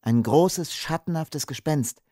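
A man's voice: fairly high pitch, slow, no echo, clean studio sound, pitched above the performer's own voice. A man voicing a spirited young woman. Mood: agitated. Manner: excited, insistent.

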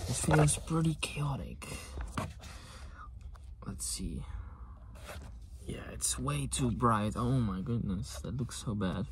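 Male, twenties, non-native English speaker: slow, soft, casual ASMR car ramble over heavy clicking and handling noise. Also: medium pitch. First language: not English. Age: 20s. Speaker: ASMR video creator. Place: inside a parked car with engine off. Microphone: close to camera behind steering wheel. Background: loud clicking and tapping.

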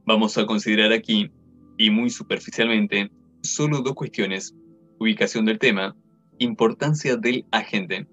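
Slow, measured young man reading aloud. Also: lowish voice, fairly bright tone, highs cut off, soft background music. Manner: slow, measured, reads foreign examples carefully. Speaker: reader of an academic text. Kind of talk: slow verbatim reading of a textbook.

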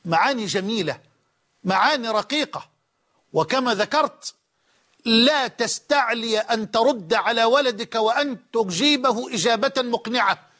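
A man's voice: very high voice, normal speed, pushed and bright. A man with an Egyptian Arabic accent preaching an Islamic sermon, switching between classical Arabic and dialect, emphatic and pleading.

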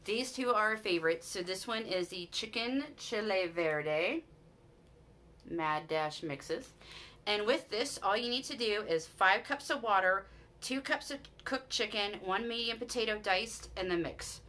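A woman's voice: mid-range voice, lively intonation, a little slow, sharp tone. A woman in her forties with a Utah American accent, chatting enthusiastically to camera in a shopping haul video from a small room at home. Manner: chatty and enthusiastic, with frequent restarts and "you guys". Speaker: vlogger. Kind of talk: casual haul chat to camera.

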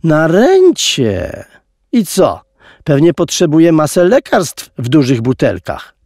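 Petty, bullying plump guard, read by a man, sneering and hissing, pitched up, dry close sound. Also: expressive, measured pace, mellow, husky, no echo, exaggerated voice.

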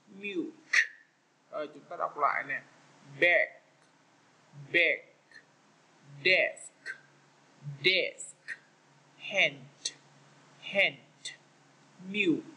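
A man with a Vietnamese accent teaching young children English, patiently walking through an exam and repeating each word slowly. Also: a little high, bright, forceful tone, a little hiss or hum, low-quality recording.

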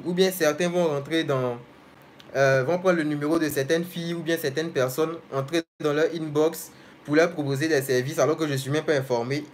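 A man's voice: a little high, slight background noise. A young man hosting a casual live stream, reading viewers' comments aloud and answering each one directly and familiarly.

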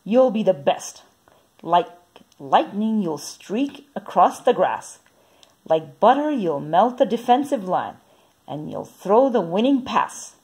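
A woman's voice: medium pitch, very animated, slow pace, darkish tone, breathy edge, exaggerated voice. A woman voicing an exasperated, impatient father in a storybook reading. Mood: boasting. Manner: scolding, exasperated.

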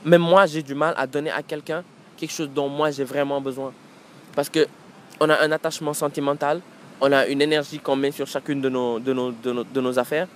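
A man's voice: mid-range voice, level tone, a little fast, slight background noise. A man hosting a podcast in a casual monologue. He talks reflectively, often restarts and repeats words, and mixes in Wolof and English. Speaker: podcast host.

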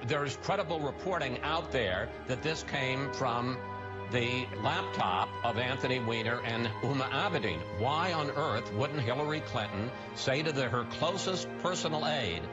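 A man in his sixties interviewing in a studio, pressing with repeated direct questions. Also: medium pitch. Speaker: TV news interviewer. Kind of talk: political TV interview. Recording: muffled broadcast audio with music behind.

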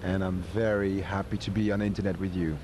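A man's voice: sits low, little pitch movement, fast, warm tone, slight background noise. A man in his twenties from the Netherlands, answering playfully in an interview. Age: 20s. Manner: playful, joking. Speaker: pop singer.

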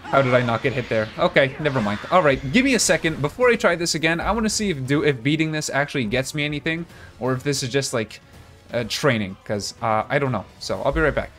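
A man's voice: medium pitch, expressive, fast, fairly bright tone. A man giving casual running commentary as he streams a video game. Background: game music.

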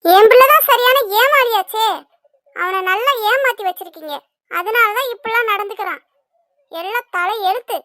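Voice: very high voice, moderate pace, sharp tone, no room sound, studio quality. A performer voicing an angry, scornful mother who harshly scolds her son's friend in a cartoon. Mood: bitter. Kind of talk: cartoon voice acting.

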